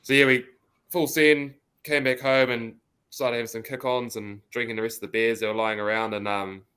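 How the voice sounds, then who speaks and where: A man with a New Zealand accent in casual chat, telling a story hesitantly with pauses between phrases. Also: mid-range voice, level tone, pushed and bright, clear, resonant tone.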